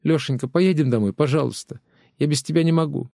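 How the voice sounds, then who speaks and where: A man voicing a tearful young wife who pleads with her husband, talking fast and breathless, in a dry close recording. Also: a little high, gravelly, mellow, no room sound, pitched above the performer's own voice. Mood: pleading.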